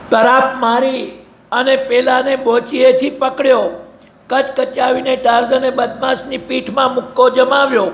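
A man's voice: very high voice, vocal fry. A man narrating an adventure story in a vivid, emphatic storytelling manner. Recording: dull lo-fi recording.

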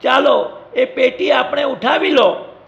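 Tarzan, as a man puts him on, loud and bold. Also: very high voice, slow, creaky, highs cut off, heavily acted. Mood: defiant. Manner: loud, challenging shouts. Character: bold heroic jungle man, commanding.

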